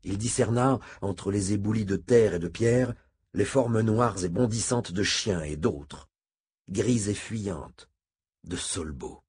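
A man reading a novel aloud in a measured, steady narration. His voice is low and deep, with a heavy husky grain running through every line. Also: dry recording, clean studio sound. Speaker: audiobook narrator. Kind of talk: scripted narration.

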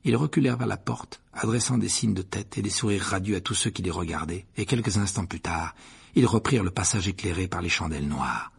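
A man reading a novel aloud as narrator, with an expressive, varied delivery. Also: deep voice, brisk, gravelly, slightly rough. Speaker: audiobook narrator. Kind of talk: storybook reading with character voices.

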